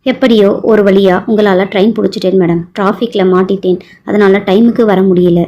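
Lady reading as a jokey young army guy on a train, playful teasing tone, medium pitch. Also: steady tone, a little fast, warm tone, muffled recording, lightly acted. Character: cheerful joking young male soldier.

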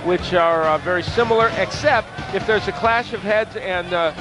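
A man's voice: sits high, moderate pace, low-quality recording. A man giving live TV boxing commentary as an analyst, in a conversational, explanatory way. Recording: music and crowd behind voice.

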